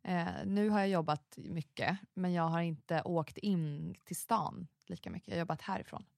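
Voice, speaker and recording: A woman in her thirties chatting casually as a podcast host, her voice sitting a little low. She talks in an animated, exclamatory way. The sound is dry and close, with no room around it. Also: vocal fry, no room sound. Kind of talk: casual chat.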